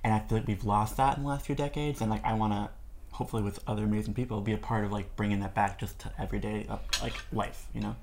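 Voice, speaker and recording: Upbeat host, chatty and filler-heavy. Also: male voice, lowish voice, fairly even intonation, fast, slight background noise. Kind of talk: casual dinner chat.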